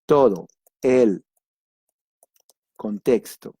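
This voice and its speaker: A man leads an informal Bible study in a relaxed, conversational way, often turning to his listeners to check they follow. His voice is warm and mellow at a middle pitch. The sound is dry, with no room around it. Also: extremely slow, breathy edge, dry recording. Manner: conversational, addresses listeners directly with frequent "ok"; emphatic asides and sudden exclamations. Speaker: Bible teacher.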